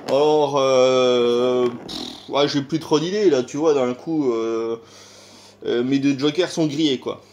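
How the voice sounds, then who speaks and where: A middle-aged YouTuber with a French accent rambles through a casual video monologue, hesitant and full of sighs, filler sounds and rhetorical questions. His medium-pitched voice is slow and a little mellow, with slight background noise.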